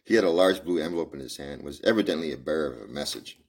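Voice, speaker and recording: A man's voice: extremely low pitch, rapid-fire. A man reading a classic detective story aloud with casual, chatty asides. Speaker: reader. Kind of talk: casual read-aloud with commentary.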